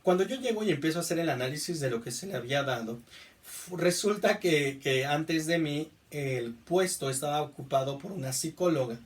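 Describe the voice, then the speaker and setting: A male teacher with a Mexican accent giving a classroom lecture, often checking understanding with a quick question. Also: a little high, expressive, distant mic. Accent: Mexican Spanish. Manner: repeats "¿estamos?" to check understanding.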